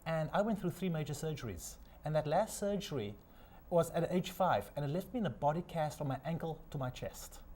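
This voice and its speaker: A man from South Africa with a South African accent, a studio guest telling his life story in a measured, inspirational way. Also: on the high side, expressive, darkish tone, slight background noise. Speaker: guest, sailor and keynote speaker. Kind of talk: interview storytelling.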